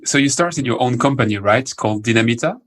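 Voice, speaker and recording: A man's voice: mid-range voice, quick pace. Upbeat male podcast host. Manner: eager and upbeat, polite, formally worded questions. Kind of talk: scripted intro and interview questions.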